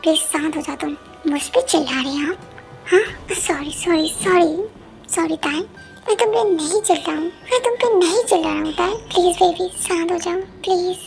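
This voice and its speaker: A woman's voice: extremely high pitch, moderate pace, vocal fry. A woman voicing a young man who keeps pleading and soothing his angry girlfriend in a fan audio drama. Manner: pleading, soothing, repeats please. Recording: music playing behind.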